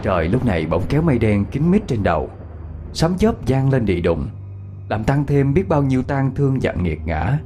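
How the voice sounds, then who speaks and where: A man narrating a ghost story, expressive and dramatic. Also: mid-range voice, normal speed, a little hiss or hum. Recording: faint background music.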